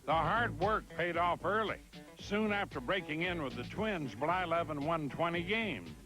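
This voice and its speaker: A man reading the scripted narration of a baseball feature with a measured, punchy delivery. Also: on the high side, expressive, music in the background, poor audio.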